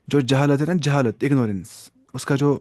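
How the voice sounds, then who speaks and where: A man's voice: mid-range voice, a little mellow, dry recording. Man teaching a religious lesson, dry sound. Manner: explains step by step, mixes in English terms and quoted Arabic. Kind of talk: classroom lesson on hadith.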